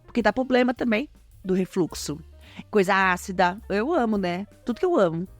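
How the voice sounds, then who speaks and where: A woman with a Brazilian Portuguese accent hosting a podcast, talking casually and lively to her listeners. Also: medium pitch, moderate pace, soft background music. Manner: chatty, lively, addresses listeners as gente. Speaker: podcast host.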